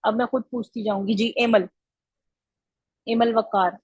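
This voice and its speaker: Patient teacher with a husky voice. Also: female voice, on the high side, steady tone, a little slow, darkish tone, dry recording, poor audio. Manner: patient, encouraging, repeats answers. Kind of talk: online class teaching.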